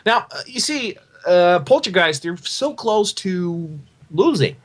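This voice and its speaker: A man's voice: sits high, very animated, takes it slowly. A man hosting and commentating a live online tank tournament. He is upbeat and promotional, and he repeats his phrases. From half American, half Russian. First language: Russian.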